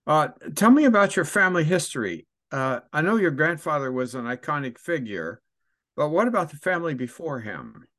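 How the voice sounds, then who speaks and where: A man's voice: a little high, big pitch swings, brisk, a bit bright. A man conducting an oral history interview, asking questions in a friendly, casual way.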